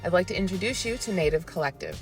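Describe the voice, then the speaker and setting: A woman giving a confident, persuasive promotional pitch. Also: lively intonation, fast, soft background music. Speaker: ad spokesperson. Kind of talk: promo read.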